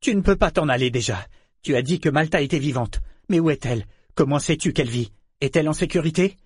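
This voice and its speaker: A man's voice: medium pitch, normal speed, breathy edge, no echo, clean studio sound, lightly acted. A man voicing an earnest young man who pleads urgently. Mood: earnest pleading. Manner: urgent, imploring.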